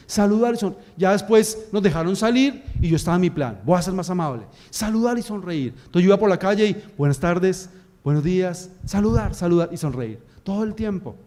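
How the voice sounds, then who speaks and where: A pastor preaching with a notably high, light voice. He tells his story with lively energy, playing out each scene and the people in it as he goes. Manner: animated storytelling, acts out scenes. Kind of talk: sermon.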